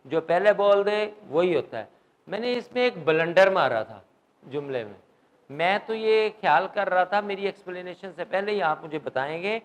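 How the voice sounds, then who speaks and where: High-voiced man teaching English grammar. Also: rough recording. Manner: quizzes students, mixes English terms into Urdu. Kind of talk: classroom grammar lecture.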